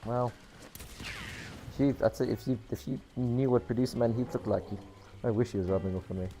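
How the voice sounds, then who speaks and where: A man's voice: mid-range voice, very animated, fairly quick, dark tone. Rambling joking New man. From New Zealand. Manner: rambling, joking, self-correcting. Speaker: game streamer. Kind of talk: casual live gameplay stream.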